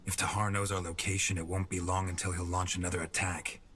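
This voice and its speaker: A man voicing a calm, brisk male army commander who gives short orders, in game dialogue. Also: sits low, slight background noise. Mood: commanding.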